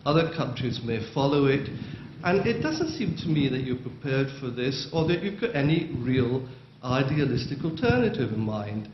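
A man's voice: mid-range voice, sing-song, moderate pace, background noise. A man rises from the audience and delivers a long, articulate question laced with dry irony. His voice is carried by a roomy, echoing hall and comes through dull and lo-fi. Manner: articulate, dryly ironic. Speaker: audience member asking a question. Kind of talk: public debate question.

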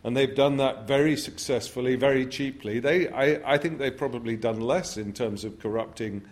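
A man addresses an audience from a panel at an even middle pitch. He talks in a measured, thoughtful way, pausing and restarting as he works through his points. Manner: measured, with frequent restarts and fillers. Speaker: panel speaker. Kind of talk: public lecture answer.

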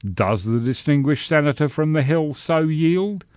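A man's voice: on the high side, expressive, measured pace, darkish tone, clean tone, no echo, voice pushed up. A man voicing a bored halfling chairman who recites procedure by rote, recorded dry. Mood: reciting. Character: bored halfling presiding official, chewing a sandwich.

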